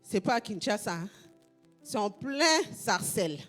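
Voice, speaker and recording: A woman pastor from Congo preaching a fervent sermon, repeating phrases in a half-sung shout. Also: medium pitch, sing-song, unhurried, faint music behind.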